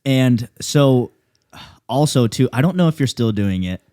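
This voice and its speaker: A man's voice: mid-range voice, animated, unhurried, mellow. A young man hosting a casual podcast, talking loosely with lots of fillers and swearing. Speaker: podcast host.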